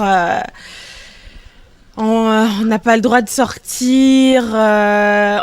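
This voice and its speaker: A woman's voice: a little high, clear, resonant tone, dry recording. A young woman from Congo, a singer, answers interview questions in a casual way. She hesitates a lot, filling gaps and restarting her sentences as she looks for words. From Democratic Republic of the Congo. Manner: hesitant, many fillers and restarts.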